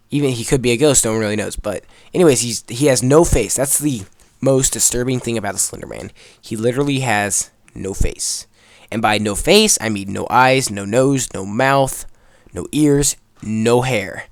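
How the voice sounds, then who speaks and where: A young video creator tells a story over gameplay, rambling casually and emphatically and swearing freely along the way. His voice is mid-range, with no room sound.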